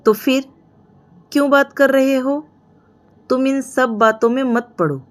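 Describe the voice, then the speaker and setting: A woman voicing a hurt, quick-tempered young wife. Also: a little high, lively intonation. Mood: angry. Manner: sharp, raised voice when angry.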